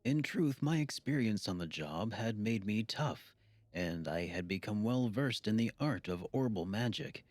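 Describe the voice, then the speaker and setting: Man narrating an audiobook in a low voice. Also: animated, moderate pace, darkish tone, dry recording. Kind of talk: scripted narration.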